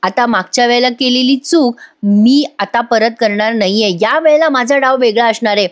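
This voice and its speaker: A woman voicing a gentle, calm young heroine from a TV serial. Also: fairly high pitch, normal speed, natural voice. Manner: soothing, resigned.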